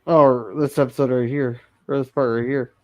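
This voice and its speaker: A man's voice: medium pitch, fairly even intonation, moderate pace, no room sound. A man co-hosting a live-streamed classic TV review show, chatting casually with frequent restarts and fillers.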